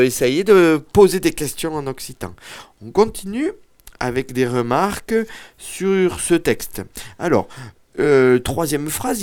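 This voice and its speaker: A man teaching an Occitan lesson, explaining words slowly with hesitant fillers. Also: a little high, a little mellow, no echo, studio quality. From southern France. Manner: slow, hesitant, many fillers.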